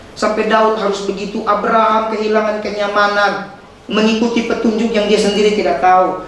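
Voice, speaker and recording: A male pastor delivers a sermon with emphatic, theatrical swings, leaping into high, dramatic outbursts. His voice comes from well back from the microphone. It rings through a very echoey hall over a faint hiss. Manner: emphatic preaching with sudden high dramatic outbursts and rapid asides. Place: church hall. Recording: echoey hall, distant mic, faint noise.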